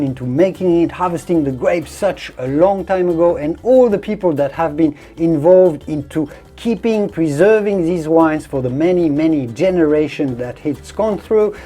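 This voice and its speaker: Mellow, effusive wine connoisseur presenting a tasting. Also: medium pitch. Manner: effusive, descriptive, emphatic with repeated superlatives. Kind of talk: presenter-style product review and tasting commentary.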